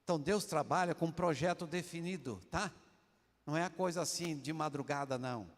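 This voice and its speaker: A man's voice: fairly high pitch, fairly quick, big-room sound. An older man with a Brazilian Portuguese accent, a pastor telling a personal story in a sermon and addressing the congregation as brothers. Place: church.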